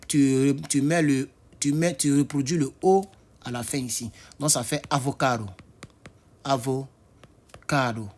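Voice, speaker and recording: Male tutor, slightly high voice, chatty, spells words out slowly letter by letter. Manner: chatty, talks to viewers directly. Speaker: English teacher. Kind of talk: casual spoken lesson.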